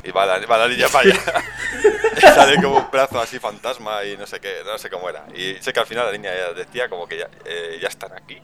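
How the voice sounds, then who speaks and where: A man chatting casually, retelling scenes in a lively way with laughter. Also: lowish voice, fast, a crowd in the background. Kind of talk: casual chat among friends.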